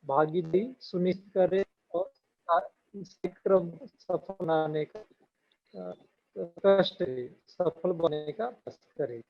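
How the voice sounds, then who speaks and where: A high-pitched man teaches slowly over a live online call, halting often with pauses and fillers. His voice keeps breaking up and cutting out on a dull, lo-fi line. The sound is muffled and unsteady throughout. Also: slight background noise. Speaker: Pali teacher. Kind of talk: live online grammar lesson. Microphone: online call audio.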